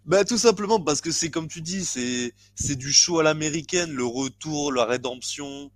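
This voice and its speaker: A man co-hosting a podcast, chatting casually and haltingly with frequent restarts and fillers. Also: on the high side. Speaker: podcast co-host. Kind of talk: casual chat about boxing.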